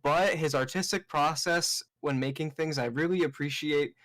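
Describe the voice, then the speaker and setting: A man's voice: a little high, moderate pace, a bit bright, no room sound. A young man, a podcast guest, talking earnestly and at length in casual chat. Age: young adult. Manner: earnest, explains at length with restarts.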